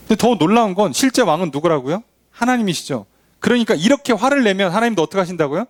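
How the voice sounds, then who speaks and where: A man's voice: high voice, lively intonation, fast, no room sound. A male pastor preaching a sermon, asking the congregation rhetorical questions. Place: church.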